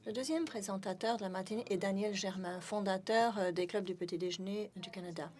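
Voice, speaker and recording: A woman's voice: medium pitch, fairly quick, darkish tone. A woman giving live interpretation of a speech, with frequent hesitations and self-corrections. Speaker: simultaneous interpreter.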